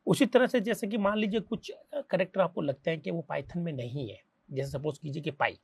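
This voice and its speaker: A man with an Indian accent gives a programming tutorial in a chatty classroom manner. He keeps asking questions and answering them in his students' place. His voice sits a bit high for a man, and the recording is dry and close. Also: a little fast, vocal fry, slightly rough, no room sound. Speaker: programming teacher. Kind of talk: classroom-style tutorial explanation.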